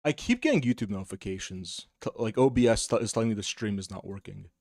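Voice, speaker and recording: A man from the United States who grew up speaking Polish, with a slight Polish accent, rambles casually while painting miniatures on a live stream. His voice is on the low side, quick, and creaky, and he's relaxed, using many fillers and restarts.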